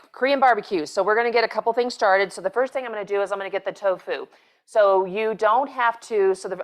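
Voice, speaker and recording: In her home kitchen, a middle-aged chef hosts a cooking demonstration, speaking at medium pitch into a lapel mic. Her talk is casual and rambling, full of fillers and restarts.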